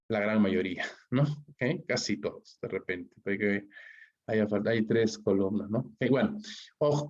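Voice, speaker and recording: A Peruvian man teaching an exam-prep English lesson, who explains step by step, keeps checking in with his students and reads his English example sentences slowly. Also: on the low side, a little mellow, lo-fi sound. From Peru. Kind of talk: online exam-prep lecture.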